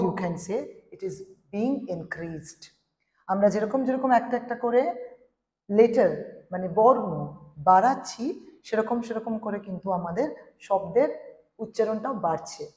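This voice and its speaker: A woman teaching an English grammar lesson, slowly sounding out words syllable by syllable and switching between languages. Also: medium pitch, a little mellow. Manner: slow, drawn-out spelling and syllable counting. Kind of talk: classroom lesson. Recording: echoey room with long reverb.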